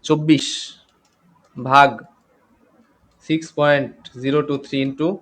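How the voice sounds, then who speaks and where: A tired chemistry tutor runs a live online class, speaking very slowly in a fairly bright, high-ish voice with little pitch movement. He reads out comments, greets students by name as he goes, and mixes in English terms.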